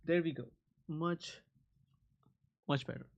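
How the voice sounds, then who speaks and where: A man's voice: a little high, fairly even intonation, takes it slowly, gravelly. A man hosting a live coding stream, chatting casually with his viewers. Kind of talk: casual livestream chat.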